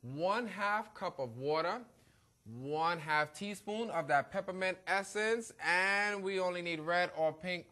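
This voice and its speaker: Man from Brooklyn, cooking show host, joking banter, bright forceful voice, slightly high. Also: measured pace. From Brooklyn, New York. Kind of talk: casual cooking show chat.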